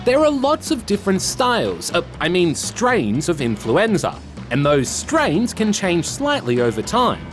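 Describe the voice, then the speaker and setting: Very animated, high-voiced Australian male presenter. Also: unhurried, few pauses, soft background music. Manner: animated, playful, explanatory. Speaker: news presenter for children. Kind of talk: scripted educational news narration.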